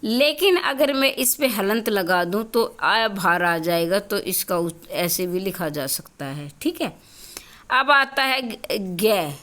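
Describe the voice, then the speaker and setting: A woman's voice: mid-range voice, animated, slow pace, fairly bright tone. A woman teacher giving a grammar lesson, explaining step by step, asking and answering her own questions, and repeating key points to her students. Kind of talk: classroom-style grammar lesson.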